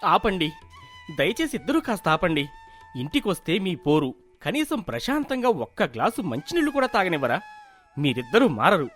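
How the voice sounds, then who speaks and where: A man doing a worn-out young farmer husband in a cartoon, pleading and exasperated, his voice pitched high and swinging wildly up and down. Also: very animated, moderate pace, fairly bright tone, faint music behind. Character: distressed young farmer husband, weary and timid. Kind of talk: cartoon voice acting.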